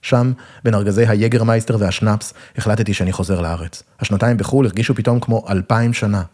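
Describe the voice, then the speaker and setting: A man's voice: lowish voice, steady tone, a little mellow. A man reading a first-person literary story in a wry, self-mocking way.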